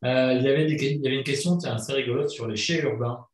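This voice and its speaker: A man's voice: mid-range voice, fairly even intonation, fast. A man hosting a live panel talk show in a casual, conversational way. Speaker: host of a wine talk show. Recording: roomy echo, distant mic.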